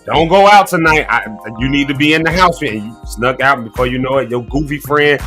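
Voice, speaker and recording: Talking fast with an expressive, sharp-toned mid-range voice, a thirty-something morning show host speaks straight to his livestream audience. He's casual, folksy, and a little preachy, and he keeps fighting off a cough. Soft music can be heard in the background.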